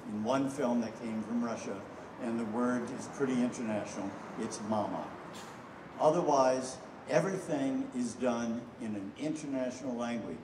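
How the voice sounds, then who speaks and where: An older man speaks to a festival crowd, drifting through anecdotes with many hesitations. His voice sits at an ordinary pitch and comes from well away from the microphone. The hall echoes around him with a steady rumble underneath. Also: far from the mic. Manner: rambling and anecdotal, frequent "uh" pauses. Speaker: filmmaker introducing a screening. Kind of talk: storytelling speech to an audience.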